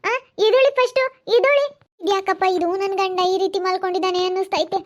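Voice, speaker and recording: A woman voicing a startled young village wife who fusses loudly and repeats her questions, with a Hiriyur Kannada accent. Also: very high voice, fast talker. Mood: alarmed. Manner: loud, fussing, repeats questions.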